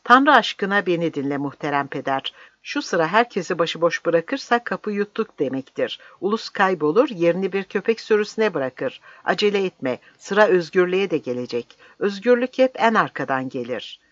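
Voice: medium pitch, very animated, normal speed, few pauses, a bit bright, no echo, voice pushed up. A reader voicing a stern male partisan captain who gives blunt, commanding threats, on a dry, slightly dull recording. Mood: insistent.

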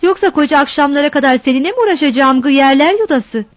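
A woman voicing a stern, rough older village woman who scolds sharply, in a dull, dry recording. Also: high voice, expressive, fast, no echo. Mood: scolding.

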